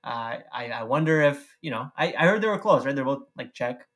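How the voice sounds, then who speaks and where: A man's voice: medium pitch, lively intonation, a little fast, fairly bright tone. A man co-hosting a casual sports podcast, talking loosely with fillers and swearing. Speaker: podcast co-host.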